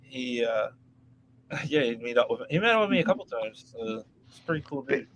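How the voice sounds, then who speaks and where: A man's voice: mid-range voice, lively intonation, fairly quick, fairly bright tone, slight background noise, rough recording. A man who runs a travel vlog, chatting casually, swearing freely and laughing between stories. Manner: loose and profane, laughs often. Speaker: travel vlogger. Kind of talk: casual chat.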